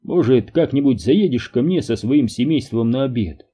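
A man's voice: mid-range voice, animated, normal speed, warm tone, slightly rough. Man doing a rude stout red-bearded older man. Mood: gruff, calmer. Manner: rude, mocking.

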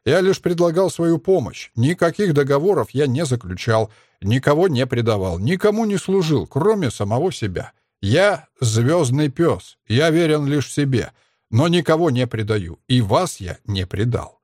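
A man voicing a calm, cunning male alien star dog, speaking in a measured, lecturing way in an audiobook. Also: medium pitch, no echo, clean studio sound, pitched above the performer's own voice. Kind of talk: audiobook character reading.

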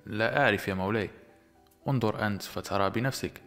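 A man reading the lines of a dutiful older housekeeper in an audiobook, in a low, matter-of-fact voice. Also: fast, a bit bright, faint music behind.

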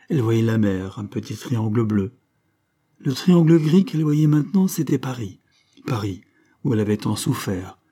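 A man reading a classic novel aloud as an audiobook narrator, in measured, steady storytelling. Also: mid-range voice. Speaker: audiobook reader.

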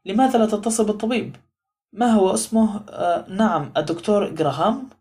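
Sly little male detective, coaxing, theatrical, quick-talking, fairly high, read by a man. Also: dark tone, lightly acted. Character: small fussy male detective, sly and confident. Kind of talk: audiobook dialogue reading.

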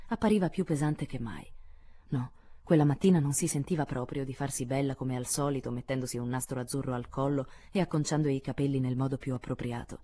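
A woman with a low-pitched, mellow voice narrates a classic novel aloud. Her reading is measured and expressive, and she drops softer and quieter for reflective passages. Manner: measured, expressive, lowering for asides. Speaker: audiobook reader. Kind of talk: literary audiobook narration.

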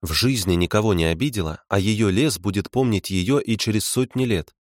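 Man narrating audiobook, low-ish voice, wry and dry, no room echo. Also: brisk. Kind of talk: first-person audiobook narration.

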